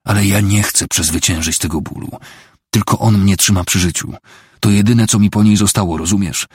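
A man's voice: fairly low pitch, steady tone, brisk, husky, no echo, studio quality. A man reading the part of a broken, grieving father living on the streets, bitter and stubborn.

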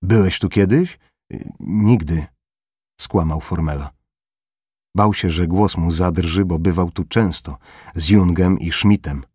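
A man reading a novel aloud in measured, grave scripted narration. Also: low voice, darkish tone, breathy edge, dry recording, studio quality. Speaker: audiobook narrator.

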